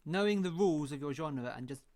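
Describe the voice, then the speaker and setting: A podcast co-host speaking in casual chat. The voice sits at a middling pitch, and the delivery is explanatory and opinionated. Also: expressive, fairly quick, darkish tone. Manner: explanatory, opinionated, laughs easily. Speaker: podcast co-host and film reviewer.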